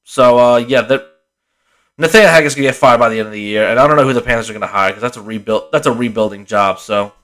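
Sleepy young guy rambling through his podcast, swears a lot, keeps restarting, middle-pitched voice. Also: quick pace, a bit bright. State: tired, yawning. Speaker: podcast host. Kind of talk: casual solo sports podcast.

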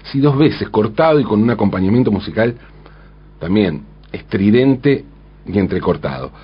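A commentator with a fairly low, husky voice and lively intonation analyzes a song's lyrics at a moderate pace, on lo-fi audio. He is thoughtful and reflective, often tossing in a rhetorical "¿no?" and correcting himself.

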